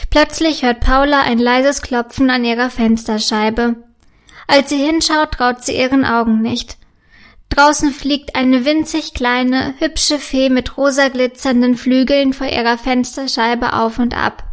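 A woman narrating a children's story in a calm, clear, even storytelling manner. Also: high voice, unhurried.

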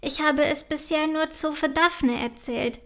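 A woman voicing a curious, kind little princess girl in a storybook, speaking gently and slowly. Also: sits high, steady tone, voice pushed up. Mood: gentle.

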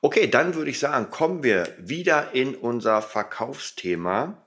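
A man's voice: mid-range voice, very animated, normal speed, fairly bright tone. A man hosting a casual, rambling solo podcast, informal and emphatic, his articulation slightly impeded by a dental retainer. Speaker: podcast host.

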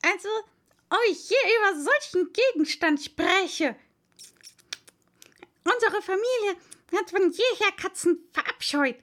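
A woman voicing a small, touchy mouse in a read-aloud story, shrill and shrieking with indignation. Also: lively intonation, a little slow, long pauses, fairly bright tone, heavily acted. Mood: furious. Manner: indignant, screeching. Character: small, touchy, trembling mouse, easily outraged. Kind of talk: audiobook reading.

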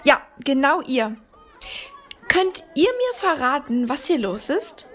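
A woman's voice: high voice, very animated, slow, a bit bright, heavily acted. A woman playing an eager radio reporter. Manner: bubbly, addresses listeners.

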